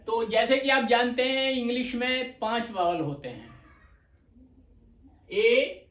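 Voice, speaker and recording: A man gives a shorthand lesson in a slow, patient way, stretching out sounds and repeating examples. His voice sits high. It comes through roomy and echoing, a little far from the mic. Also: very animated, fairly bright tone. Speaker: stenography teacher. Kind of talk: slow explanatory lecture. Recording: echoey room, voice off-mic.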